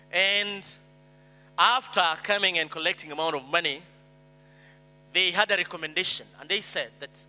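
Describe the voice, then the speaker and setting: A man's voice: high voice, pushed and bright. Kenyan man telling his story in a hall. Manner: earnest storytelling, acts out quoted voices. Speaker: speaker. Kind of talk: personal story speech. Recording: hall reverb, mains hum.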